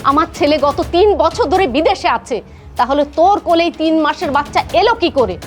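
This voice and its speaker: With a Bangladeshi accent and a very high, animated, fairly quick voice, a woman acts in a melodramatic short film as a harsh middle-aged mother-in-law. She scolds and harangues in an angry, accusing mood over soft background music.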